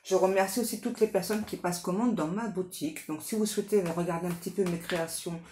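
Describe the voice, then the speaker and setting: A woman giving a casual, improvised tarot reading straight to the listener, halting and repetitive, often adding little tag words for agreement. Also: lowish voice, steady tone, darkish tone. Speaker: tarot card reader hosting a guidance channel. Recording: echoey room with faint background noise.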